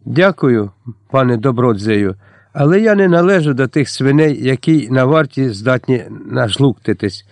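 A man's voice: medium pitch, expressive, normal speed, a little mellow, no room sound, close to an everyday voice. A man voicing a plump, pompous chief of the castle guard who speaks haughtily. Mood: haughty.

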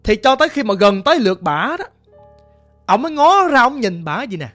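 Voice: medium pitch, a little fast, faint music behind. Southern Vietnamese ghost story teller. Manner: lively, conversational, dramatic.

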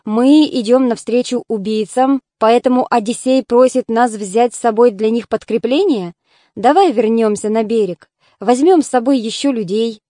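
A woman reading the lines of a gruff, wry male companion who mutters dry remarks. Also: a little high, normal speed, dark tone, dry recording, natural voice.

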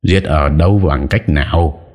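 A man voicing a young husband who interrogates forcefully in an audiobook. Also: a bass voice, moderate pace. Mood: interrogating. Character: angry young husband, commanding and grief-stricken. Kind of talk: audiobook character voice.

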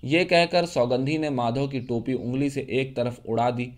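A man narrates a literary short story at a mid pitch. His delivery is measured and steady, in plain storytelling style.

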